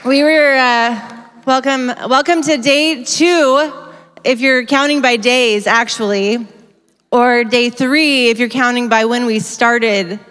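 A conference speaker preaches a sermon at a church conference, her somewhat high voice clean in tone and slow. She speaks energetically and conversationally, often correcting herself mid-sentence, and her stage mic carries the long reverb of a large hall.

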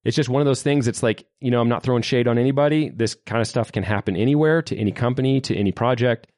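Speaking fast in a mid-range voice, this podcast host talks tech in an opinionated, conversational way with lively emphasis. The studio-quality recording has no room sound.

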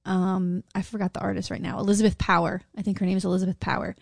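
A woman's voice: medium pitch, level tone, fast talker, creaky, dry recording, studio quality. A middle-aged woman co-hosting a podcast in casual, candid chat, blunt and sweary, her throat strained from screaming all day. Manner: blunt, profane, uses "like" constantly. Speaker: podcast co-host.

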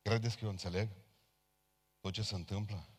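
A man's voice: lowish voice, steady tone, husky. A man preaching a sermon as a Pentecostal pastor, speaking fervently and addressing his congregation directly. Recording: long hall reverb.

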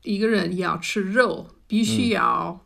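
A woman's voice: mid-range voice, measured pace, vocal fry, a bit bright. A middle-aged British woman, a native English speaker, speaks Mandarin with a foreign accent in an interview, using simple phrasing and searching for words. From United Kingdom. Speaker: interview guest, food writer and cook. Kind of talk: conversational interview answers.

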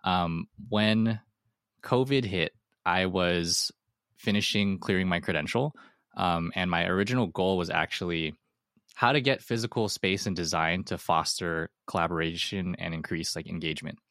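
A man with a very low voice talks eagerly as a podcast guest, rambling as he tells his story. The recording is dry and close. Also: normal speed, fairly bright tone, no room sound. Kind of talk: casual interview chat.

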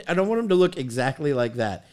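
A man's voice: fairly high pitch, sing-song, brisk, a little mellow. Upbeat man hosting a sports podcast. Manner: upbeat, jokey, reads out viewer comments. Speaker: podcast co-host. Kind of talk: casual sports podcast chat.

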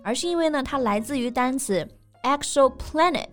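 A woman co-hosting a bilingual English lesson, patiently explaining silent letters and spelling words out slowly. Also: high voice, animated, soft background music. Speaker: English teacher, co-host. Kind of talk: bilingual language lesson chat.

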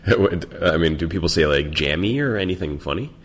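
A man's voice: deep voice, animated, a little fast, breathy edge. A man hosting a podcast, asking questions in a hesitant, chatty way, often restarting words and laughing. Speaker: podcast host. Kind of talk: casual interview chat.

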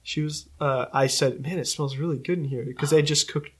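A man's voice: on the high side, steady tone, brisk, slightly rough. A man co-hosting a podcast, telling stories in a rambling, casual way. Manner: rambling storyteller, many restarts. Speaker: podcast co-host. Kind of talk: casual chat.

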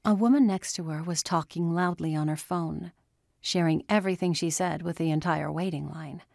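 A woman narrating an audiobook in a steady, even reading. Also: lowish voice, moderate pace, gravelly, no room sound, studio quality.

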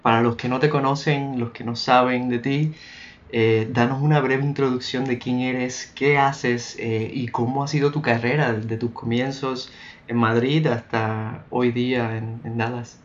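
Halting male podcast host, lo-fi sound. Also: mid-range voice, little pitch movement. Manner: halting, lots of filler sounds. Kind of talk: interview questions. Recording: dull lo-fi audio.

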